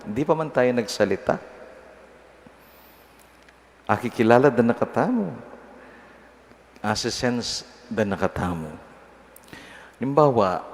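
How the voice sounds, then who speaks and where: Slow-talking priest in a reverberant church. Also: male voice, mid-range voice. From Pampanga, Philippines. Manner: conversational, teasing, laughs at own examples. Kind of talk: homily at Mass. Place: large church. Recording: long church reverb, faint noise.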